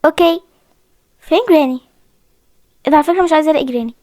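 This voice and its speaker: Her voice is high and a little mellow, and she talks very fast. She's a young gaming video host with an Egyptian Arabic accent, chatting casually with viewers over a horror game and frequently saying how frightened she is. The studio-quality recording has no room sound.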